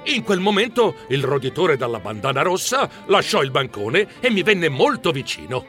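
A man narrating an audiobook in an expressive storytelling manner, stammering when he plays himself jittery. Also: on the high side, normal speed, soft background music.

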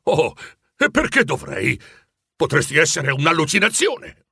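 A man voicing a frightened old miser who tries to act calm, speaking in a nervous, shaky way for a storybook reading. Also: on the high side, unhurried, vocal fry, breathy edge, no echo, studio quality, exaggerated voice.

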